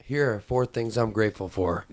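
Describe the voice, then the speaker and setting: A man's voice: fairly low pitch, moderate pace. A man co-hosting a discussion podcast, eagerly agreeing and jumping in. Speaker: podcast co-host. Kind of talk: casual discussion.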